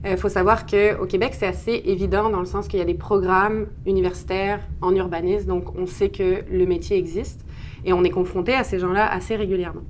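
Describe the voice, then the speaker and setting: With a mid-range voice, fairly even intonation, and a slightly fast pace, this French-accented woman in her thirties, from France, chats as an interview guest. An urban planner, she tells personal stories at length with self-deprecating humor, over slight background noise.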